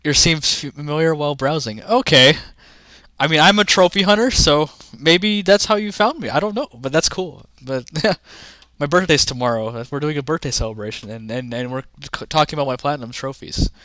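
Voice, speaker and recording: Chatty and rambling, a young man talks to his livestream chat and frequently starts his sentences over. The studio-quality recording has no echo and captures a slightly high, bright, forceful voice at normal speed.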